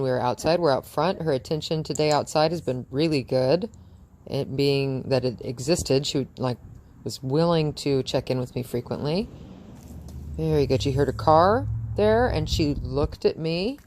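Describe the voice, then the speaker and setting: A woman's voice: deep voice, normal speed, a little mellow, slight background noise. A woman dog trainer chatting through a training session outdoors in front of a house, cooing praise at the dog and laughing often.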